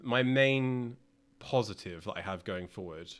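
A man co-hosting a podcast, reflective and a bit halting, with restarts as he thinks aloud. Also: fairly low pitch, a bit bright. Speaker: podcast co-host. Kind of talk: casual podcast chat.

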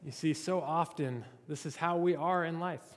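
A male pastor delivers an earnest, expository sermon. His voice sits high for a man. The recording carries the long, ringing reverb of a church sanctuary. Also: moderate pace.

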